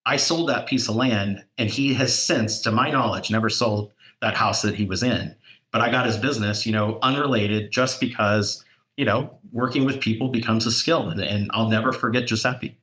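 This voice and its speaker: A man telling real estate sales stories in a casual chat, animated and jumping up in pitch when he quotes people. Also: moderate pace. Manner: animated storyteller, voice jumps up for quoted dialogue. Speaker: real estate broker and podcast co-host.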